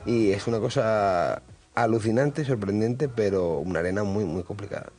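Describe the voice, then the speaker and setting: A man's voice: fairly low pitch, normal speed, a little mellow, slightly rough, faint music behind. A man hosting a radio travel show in casual studio chat, rambling and full of hesitations.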